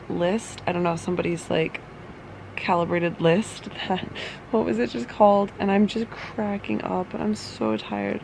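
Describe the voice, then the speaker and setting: Woman book vlogger rambling casually, bit of vocal fry, unimpressed, fan humming faintly behind her. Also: fairly low pitch, background noise. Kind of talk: casual chat, reading vlog update. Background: running fan.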